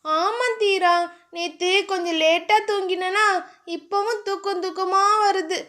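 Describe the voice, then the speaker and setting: A woman voicing an innocent, childlike young woman who talks softly and pleads sweetly. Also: very high-pitched, steady tone, a little slow, voice pushed up. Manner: soft, sleepy, pleading tone.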